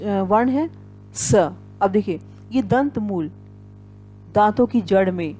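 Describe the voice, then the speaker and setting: A woman's voice: mid-range voice, mellow. A woman teaching Hindi pronunciation, saying each sound and example word several times over and checking in often. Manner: frequent "ठीक है" check-ins. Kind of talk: pronunciation lesson.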